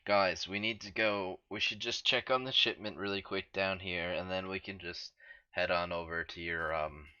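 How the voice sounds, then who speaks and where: A man's voice: low voice, fairly even intonation, normal speed, sharp tone, clear, resonant tone, dull audio. A man playing a tabletop game, talking through plans in a loose, easygoing way over an online voice call. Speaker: player. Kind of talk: casual tabletop game chat.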